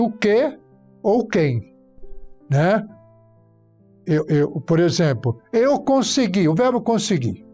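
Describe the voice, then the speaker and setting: A man's voice: high voice, mellow. A man, a Portuguese teacher, explaining grammar with example sentences on a church talk program. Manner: teacherly, illustrating points with spoken example sentences.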